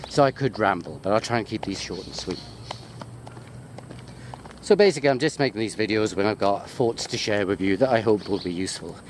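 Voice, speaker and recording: A British university lecturer films himself on a handheld wide-angle sports camera while walking through botanical gardens, chatting off the cuff in a lowish, brisk voice. The unscripted talk is jokey and rambling, and he gets sidetracked easily. Outdoor ambient noise from the walk comes through.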